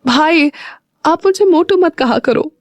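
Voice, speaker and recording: A woman's voice: mid-range voice, big pitch swings, slow, no echo. A woman voicing a spirited young woman who sulks and whines playfully at her family. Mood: annoyed. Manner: girlish pouting whine.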